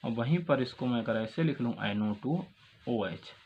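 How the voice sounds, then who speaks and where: A man's voice: mid-range voice, lively intonation, moderate pace, breathy edge. Man teaching a chemistry lecture. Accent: Hindi-speaking North Indian. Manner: repeats questions and answers, calls students "dears". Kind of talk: classroom lecture. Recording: dull lo-fi sound with faint ambience.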